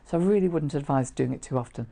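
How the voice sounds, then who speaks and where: A middle-aged trainer with a low, gravelly yet warm voice speaks quickly in an informal, to-camera lesson on reading facial expressions. Seated in a small indoor room, she explains things conversationally and throws in short illustrative asides.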